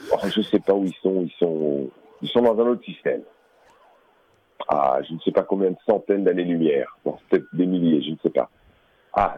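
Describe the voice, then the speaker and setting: A man's voice: sits low, breathy edge. A man phoning into a radio show, staying in character as a game explorer and talking in a hesitant, distracted way while commenting on what he sees. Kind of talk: in-character phone chat. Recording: tinny phone line.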